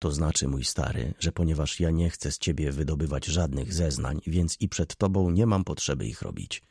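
A weary middle-aged merchant, secretive and curt, brushing questions aside, as a man reads him in an audiobook. The voice is low and gravelly with a husky edge, and the pitch swings widely. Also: moderate pace, mellow, dry recording, studio quality, exaggerated voice. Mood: dismissive. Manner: curt, evasive, tired.

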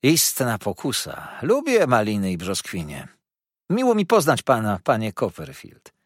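Guy doing a squeaky gossipy dwarf lady from an audiobook, flirty and sly, huge swoops, slightly husky. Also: wildly swooping pitch, a little slow, no room sound, studio quality. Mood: flirtatious. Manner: shrill, bustling and gossipy, with sudden high squeals. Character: chattering, coquettish little dwarf woman, a sly hairdresser. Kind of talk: audiobook character voice.

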